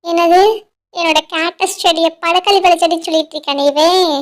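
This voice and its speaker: A woman voicing an excitable young female bird in a cartoon, fussy and wailing over her pet plant. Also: extremely high pitch, fairly quick, rough recording. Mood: sulky. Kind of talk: cartoon voice acting.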